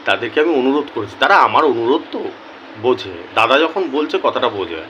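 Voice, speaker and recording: A man talking earnestly to his viewers as a YouTuber, slow and deliberate, often repeating key words for emphasis. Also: medium pitch, big pitch swings, highs cut off, noisy background. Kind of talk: earnest casual talk to camera.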